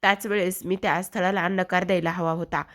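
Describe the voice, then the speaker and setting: A woman's voice: lowish voice, flat delivery, a little fast, close to an everyday voice. A woman doing an earnest regretful father, plain telling, serial retelling. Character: regretful father of two daughters.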